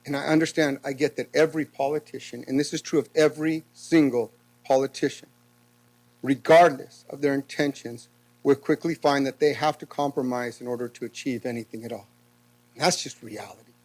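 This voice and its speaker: A man's voice: medium pitch, fairly even intonation, fairly quick, a little mellow, low-quality recording. A man giving impassioned public comment to a city council, speaking with an earnest, preacher-like cadence. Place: council chamber.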